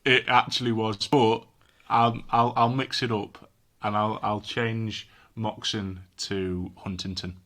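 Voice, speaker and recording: A man co-hosting a casual football podcast, talking in a measured way and thinking aloud. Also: fairly low pitch, flat delivery, bright, forceful tone. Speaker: podcast co-host.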